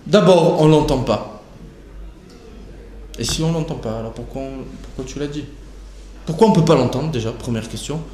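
A man's voice: medium pitch, moderate pace, pauses often, mellow. Man teaching Talmud in an echoey room. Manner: rises into a sing-song chant when quoting texts; explains phrase by phrase with restarts. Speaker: religious teacher. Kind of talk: Talmud study lesson. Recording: echoey room with faint ambience.

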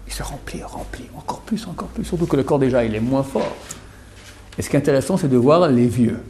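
Middle-aged male religious teacher, gravelly and mellow, emphatic sermon delivery. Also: medium pitch, slight background noise. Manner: emphatic, repetitive, swings from loud to murmured. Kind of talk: sermon to a small audience.

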